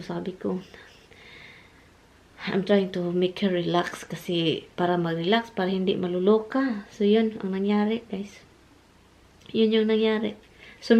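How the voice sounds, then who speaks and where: Filipina vlogger w a bisaya accent, chatty storytelling, keeps calling viewers guys. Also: female voice, medium pitch, creaky. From Philippines. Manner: chatty, mixes English into Tagalog, addresses viewers as guys. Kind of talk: casual storytelling vlog.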